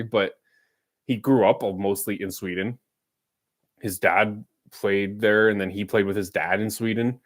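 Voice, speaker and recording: A man streaming a live watch-along of a hockey game, calling the play and bantering with viewers in a teasing, casual way. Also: lowish voice. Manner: chatty, teasing, jumps between play-by-play and banter.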